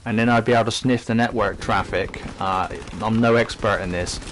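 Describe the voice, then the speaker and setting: A man's voice: lowish voice, fairly even intonation, brisk, a little hiss or hum. Rambling man streaming a shooter game. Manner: rambling, chatty, many fillers. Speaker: gaming live streamer. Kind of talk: casual commentary while playing. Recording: game gunfire audible behind voice.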